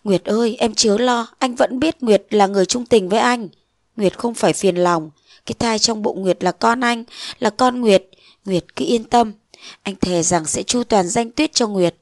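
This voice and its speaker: A woman's voice: medium pitch, moderate pace, no room sound, studio quality, natural voice. A woman doing a coaxing, evasive young man. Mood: soothing.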